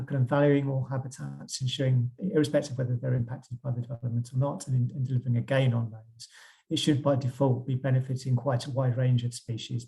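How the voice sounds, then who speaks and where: A man losing his voice, hoarsely and hesitantly explaining policy over a video call. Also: medium pitch, warm tone. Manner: hesitant, repeats words. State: losing his voice, clearing throat. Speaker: government policy expert.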